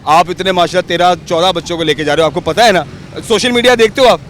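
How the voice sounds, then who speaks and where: A male street reporter with a Pakistani Urdu accent presses people with probing questions beside a busy road. His voice sits high for a man, with faint traffic noise around him. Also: fast, fairly bright tone. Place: roadside outdoors in city traffic.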